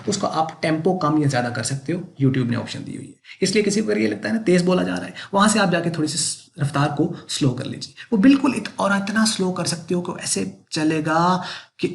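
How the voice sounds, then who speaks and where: A man's voice: high voice, creaky. A man teaching accounting in a recorded lecture. He keeps asking rhetorical questions and answering them himself, and he repeats each point for emphasis. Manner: emphatic, repetitive explaining.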